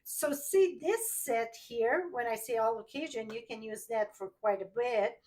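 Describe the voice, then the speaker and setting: A woman with a French Canadian accent, whose first language is French, chats her way through a live card-making tutorial, thinking aloud and asking viewers questions directly as she works. Her voice is on the high side and a little mellow, at a moderate pace.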